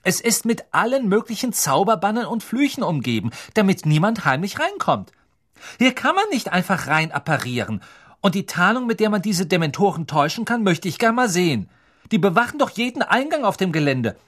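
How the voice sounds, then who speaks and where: A man's voice: high-pitched, very animated, fairly quick, fairly bright tone, pitched above the performer's own voice, full character voice. A man playing a know-it-all schoolgirl. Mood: indignant lecturing. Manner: insistent, lecturing.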